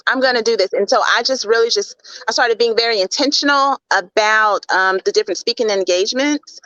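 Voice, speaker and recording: A woman's voice: on the high side, fairly quick, a bit bright, no room sound, lo-fi sound. A woman from Mississippi with a Southern drawl and dropped G's, telling her story conversationally as an interview guest. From Mississippi, United States. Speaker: guest, public speaker.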